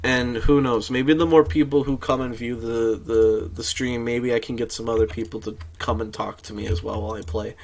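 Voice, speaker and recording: A man's voice: medium pitch, fairly even intonation, normal speed, vocal fry, few pauses, a little mellow. Tired young man rambling casually. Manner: rambling, sweary, with many restarts. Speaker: streamer. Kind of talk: casual late-night rambling while gaming.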